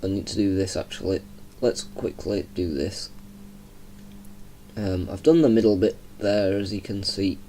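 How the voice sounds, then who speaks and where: A young man from Yorkshire with a Yorkshire accent, giving casual, rambling commentary while playing a game and laughing softly now and then. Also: low voice, measured pace, long pauses, slight background noise. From Yorkshire, England. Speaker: gaming channel host.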